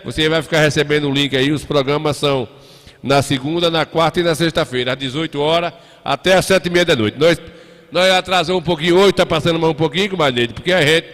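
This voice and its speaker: Folksy man, bright voice. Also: on the high side, steady tone, fast. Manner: folksy, chatty, calls listeners compadre. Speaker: radio host. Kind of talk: casual live chat. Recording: echoey hall.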